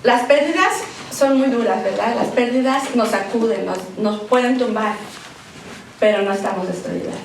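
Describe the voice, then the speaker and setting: A woman's voice: fairly high pitch, normal speed, vocal fry, distant mic, a little hiss or hum. Emotional woman preaching in an echoey hall. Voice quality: animated, swings between loud emphasis and soft emotional tones. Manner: conversational, tag questions, repeats words for emphasis. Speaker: guest speaker at a women's church session. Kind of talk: sermon with personal testimony. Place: church hall. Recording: echoey hall, speaker away from the mic.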